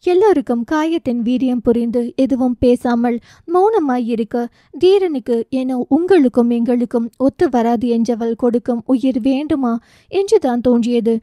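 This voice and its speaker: High, mellow woman narrating a novel. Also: normal speed, dry recording, clean studio sound. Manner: expressive storytelling read. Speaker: audiobook narrator.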